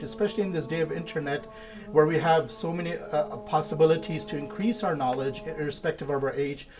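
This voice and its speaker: Imam speaking in measured, listed points. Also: male voice, fairly high pitch. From India. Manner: measured, lists points one by one. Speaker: imam of a mosque. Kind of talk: interview answers.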